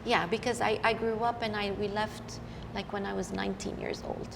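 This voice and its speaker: A middle-aged woman from Lebanon, a professional violinist, telling her story in an unhurried way with many fillers. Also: medium pitch, steady tone, vocal fry, big-room sound, a crowd in the background. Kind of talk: casual interview chat.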